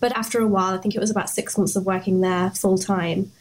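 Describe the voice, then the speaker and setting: Casting: young British woman, podcast guest, relaxed, lots of "sort of". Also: medium pitch, quick pace, a little hiss or hum, rough recording. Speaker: guest designer. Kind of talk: casual interview.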